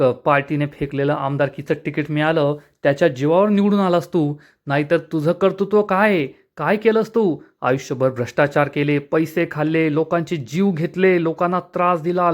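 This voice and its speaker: A man's voice: a little high, lightly acted. A man reading the lines of a young adult son who is furious and defiant, threatening his father in a menacing tone. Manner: shouting, menacing.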